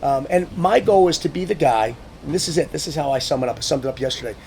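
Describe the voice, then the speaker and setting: Casting: male guest speaker, high-ish voice, lively storyteller with rough language, faint hiss behind. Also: fast talker. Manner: swearing, animated storyteller who acts out quotes. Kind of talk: casual storytelling conversation.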